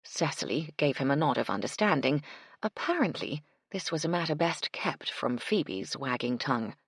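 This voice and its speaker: A woman reading a cozy mystery audiobook with steady scripted narration. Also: low voice, normal speed, vocal fry, slightly rough, no room sound, clean studio sound.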